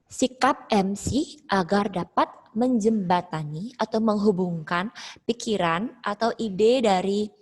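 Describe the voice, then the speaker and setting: A woman's voice: medium pitch, slightly rough, in a large hall. A woman teacher, explaining a lesson step by step during an online class and checking in with "ya" again and again. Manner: explains step by step, asks "ya" often.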